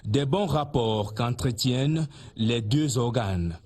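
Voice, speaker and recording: Male reporter voice-over, slightly husky, formal news read. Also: medium pitch, slow pace, darkish tone. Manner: formal reading.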